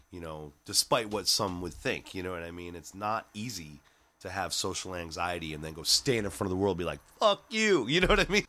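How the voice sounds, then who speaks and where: A man talking as a guest on a podcast, animated, acting out his own quotes and swearing casually. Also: deep voice. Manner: animated, quotes himself in voices, swears freely.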